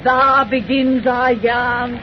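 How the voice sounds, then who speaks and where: A woman's voice: on the high side, steady tone. A woman playing a gleefully sinister, cackling hundred-and-five-year-old witch storyteller with rustic speech, in old radio horror style. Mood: eerie, inviting. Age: older. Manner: rustic folksy dialect, slow and eerie. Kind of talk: 1930s radio horror acting. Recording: noisy, muffled old radio recording.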